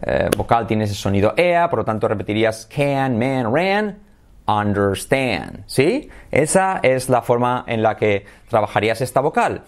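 A man whose first language is Spanish, teaching English pronunciation in a video lesson, who models words slowly and keeps checking in with "¿vale?" and "¿sí?". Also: on the low side, animated.

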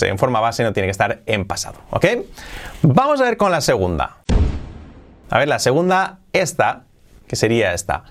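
A man with a Spain Spanish accent, an English teacher explaining grammar step by step and repeating English example sentences slowly. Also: medium pitch.

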